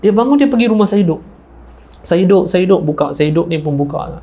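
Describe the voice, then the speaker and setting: Malaysian male preacher, mellow tone, lively storytelling sermon with voiced characters. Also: fast talker. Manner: animated storyteller, acting out characters with raised pitch. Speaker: ustaz preacher.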